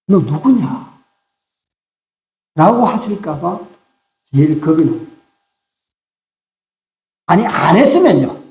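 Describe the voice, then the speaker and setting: A man's voice: on the high side, animated, a little slow, pauses often, a little mellow. A man in his sixties preaching a sermon as pastor, emphatic, repeating his key phrases and putting questions to the congregation.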